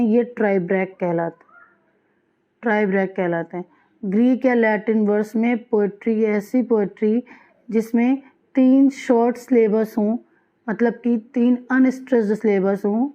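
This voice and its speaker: A woman teacher giving an exam-prep lecture, reading questions out slowly and then explaining in a quick Hindi-English mix, repeating key answers. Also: fairly high pitch. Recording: dull lo-fi sound.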